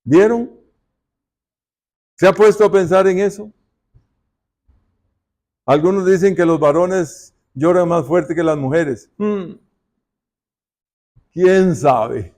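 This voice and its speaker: A male pastor preaches at an unhurried, drawn-out pace, his voice pitched a little high. He keeps turning to the congregation with rhetorical questions, as if in conversation with them. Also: darkish tone. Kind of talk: sermon. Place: church.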